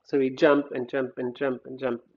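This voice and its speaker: A man's voice: mid-range voice, level tone, moderate pace, dull audio. A man teaching a design lecture over slides, explaining step by step and often restarting his sentences. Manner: explanatory, thinks aloud with frequent restarts. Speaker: design instructor.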